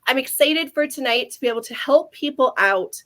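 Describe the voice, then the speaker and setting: A woman's voice: high voice, a little fast, fairly bright tone. A Canadian woman in her forties talks through her story on a casual webinar. She speaks earnestly and often restarts her sentences. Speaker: guest speaker.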